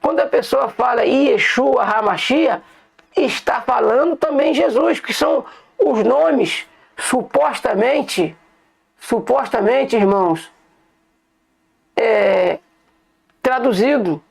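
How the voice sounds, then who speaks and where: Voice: medium pitch, lively intonation, slow, vocal fry, pauses often, slightly rough. A bible teacher with a Brazilian Portuguese accent, giving an informal online sermon and often calling the listeners brothers while repeating points.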